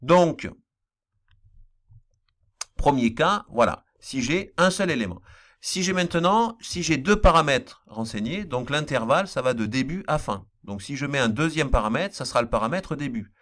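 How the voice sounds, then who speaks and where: A man with a slight accent walks students through a programming lesson at a mid-range pitch. He explains patiently and repeats the important points, with the odd filler between steps. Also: animated, normal speed, a bit bright. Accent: non-standard accent he apologizes for. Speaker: math teacher. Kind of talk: screen-recorded programming lesson.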